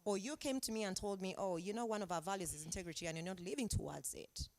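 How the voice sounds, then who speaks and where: A woman's voice: mid-range voice, fast, darkish tone, no room sound. A woman from Uganda, an anthropologist speaking as a guest on a webinar panel, explaining her points reflectively with examples over a video call. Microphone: video call mic.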